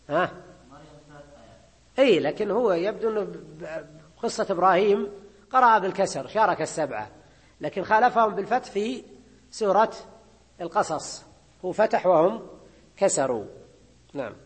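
A man with a husky, fairly high voice gives a classroom grammar lecture. He explains step by step and keeps checking in with his listeners with a quick questioning prompt. His voice trails off into a long reverb. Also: animated. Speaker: grammar teacher.

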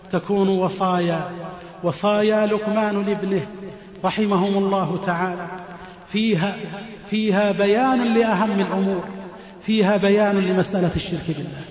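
Male preacher, sermon, high voice, even and level delivery, repeats phrases, echoey hall reverb. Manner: measured, repeats phrases for emphasis. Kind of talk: Friday sermon.

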